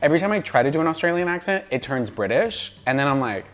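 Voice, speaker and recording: An American man who works as a makeup artist and content creator, chatting as a podcast guest in an animated, giggly way. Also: fairly high pitch, quick pace. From United States. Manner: animated and giggly, slips into playful mimicking voices. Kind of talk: casual chat.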